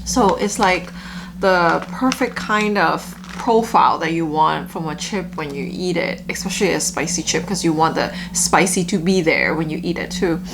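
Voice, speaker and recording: A woman giving a casual, halting taste-test review, with lots of filler words like "like". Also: fairly low pitch, creaky, noisy background. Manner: halting, filler-heavy, frequent "like". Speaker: food review vlogger.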